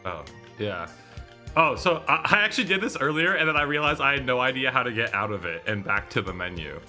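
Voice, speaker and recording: In casual livestream chat over faint background music, a man in his thirties hosts a visual novel readalong. He speaks fairly quickly in a mid-range voice with lively intonation and a bright, forceful tone, rambling, digressing and often correcting himself.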